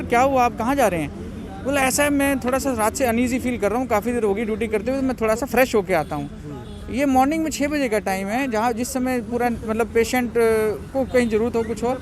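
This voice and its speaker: Interviewee, man, high voice, agitated testimony, outdoor crowd noise. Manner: agitated, quotes others in dialogue. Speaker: relative of the deceased, interviewee. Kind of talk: testimony to a reporter. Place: outdoors at a cremation ground.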